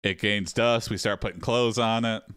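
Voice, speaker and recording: A man hosting an AI text adventure, commenting casually in an amused, drawn-out way with frequent laughs. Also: fairly low pitch, fairly even intonation, fairly bright tone, clean tone, dry recording, clean studio sound. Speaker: host playing an AI text adventure.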